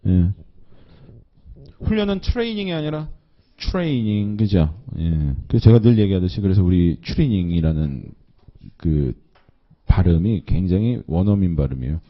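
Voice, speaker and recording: A man teaching an English listening class, slowly repeating phrases and checking in with students after nearly every line. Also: low voice, very animated. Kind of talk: recorded online lecture. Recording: dull lo-fi lecture recording.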